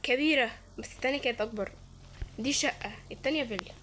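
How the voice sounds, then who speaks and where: A woman's voice: fairly high pitch, racing, a bit bright, slight background noise. A woman with an Egyptian Arabic accent giving playful, chatty let's-play commentary and talking to her viewers. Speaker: gamer.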